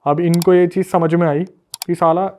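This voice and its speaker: A man's voice: fairly high pitch, moderate pace, slight background noise. A man telling a spooky story on a casual podcast, retelling it with energy and acting out what people said. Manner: animated retelling that acts out the quoted people. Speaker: guest storyteller.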